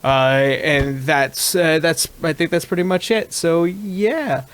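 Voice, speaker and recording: A man with a high, light voice hosts an online tabletop game as dungeon master. He rambles through announcements full of fillers and laughs easily, talking over a home microphone on a voice call. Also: animated, takes it slowly, a bit bright. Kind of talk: casual chat and game narration.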